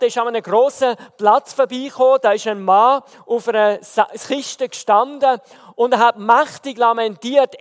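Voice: mid-range voice, in a large hall. A preacher with a Swiss German accent gives an evening sermon, telling stories and asking rhetorical questions with emphasis.

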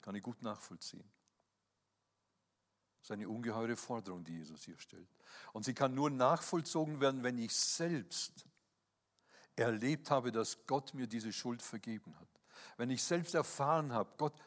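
A man's voice: medium pitch, normal speed. A man preaching a sermon in an earnest manner, often checking in with listeners with a questioning "ja?". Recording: reverberant hall.

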